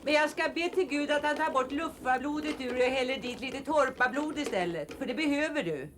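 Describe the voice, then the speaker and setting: A pious, practical farmer's wife, played by a woman, speaks earnestly and gently scolds. Her voice is high. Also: noisy background, close to an everyday voice. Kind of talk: 1980s film drama.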